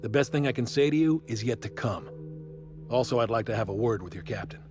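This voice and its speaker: Casting: man as older pompous revolutionary for game dialogue, condescending speechmaker, clear music underneath. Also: mid-range voice, lively intonation, fairly quick, close to an everyday voice. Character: grizzled old male revolutionary, condescending and grandiose.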